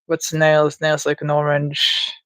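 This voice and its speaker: A streamer from Latvia talks through a drawing live, thinking aloud. The voice sits in an ordinary middle pitch. The sound is dry and close, and the talk stays unsure and gently self-mocking. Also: monotone, slow, no echo. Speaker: livestreamer. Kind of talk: casual commentary while drawing live.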